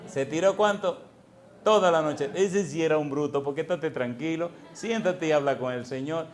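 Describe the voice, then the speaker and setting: A male pastor preaching a sermon, swinging from hushed tones to loud bursts and firing rhetorical questions at the congregation. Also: on the high side, normal speed.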